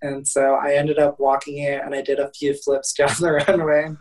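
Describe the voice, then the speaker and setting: A man's voice: medium pitch, level tone, normal speed, far from the mic, low-quality recording. A young man in his twenties, a motivational speaker guest, telling a funny story in a casual, laughing way.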